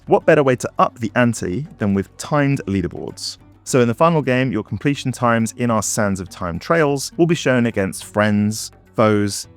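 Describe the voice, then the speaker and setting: Low voiced guy doing scripted game promo narration, wry n playful, music behind. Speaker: developer presenter. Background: background music.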